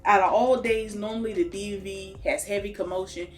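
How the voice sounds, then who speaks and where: A woman's voice: mid-range voice, a little fast, soft background music. A woman mobile home investor, telling a story straight to her viewers. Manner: animated, talks straight to viewers. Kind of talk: storytelling vlog.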